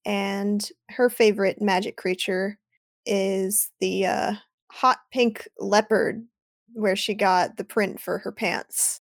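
A woman playing in a tabletop game podcast, quick with jokes. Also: mid-range voice, fairly even intonation, dry recording, studio quality. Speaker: player. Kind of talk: casual tabletop game chat.

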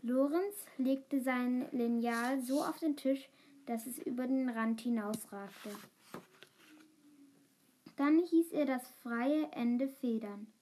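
Woman reading a children's story aloud, somewhat high voice, mellow, stumbles now and then. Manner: unhurried, with small slips and fillers. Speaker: reader.

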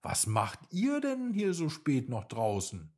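A man's voice: a little high, huge pitch swings, takes it slowly, darkish tone, slightly rough, pitched above the performer's own voice, exaggerated voice. Man doing a sly friendly fox. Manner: friendly, knowing. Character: curious sly male fox.

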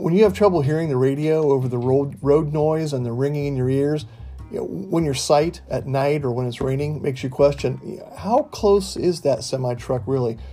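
An older man from the US talks through a casual monologue in a relaxed, mellow voice. He tells his stories in a folksy, wry way. Quiet guitar music plays behind him. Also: on the high side. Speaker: podcast host. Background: faint guitar music.

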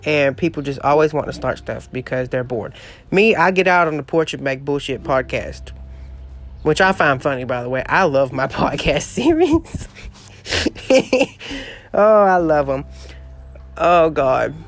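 A man's voice: on the high side, animated, normal speed, soft background music. A man, telling a story in a dramatic, exclamatory, gossipy way as a podcast host on his porch. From southeast Missouri. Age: late teens. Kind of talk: casual storytelling monologue. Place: outdoor porch.

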